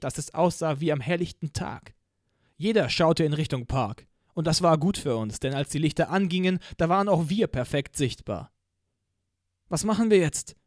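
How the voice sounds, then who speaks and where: A man's voice: fairly high pitch, no room sound, studio quality. A man reading a first-person audiobook with vivid, dramatic narration.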